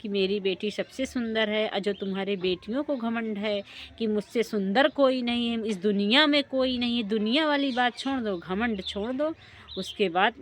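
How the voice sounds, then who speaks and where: A woman voicing an outspoken, proud matchmaker woman who mocks and lectures loudly. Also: moderate pace, a little hiss or hum, close to an everyday voice. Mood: lecturing. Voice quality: loud, high-pitched and scolding. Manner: mocking, lecturing.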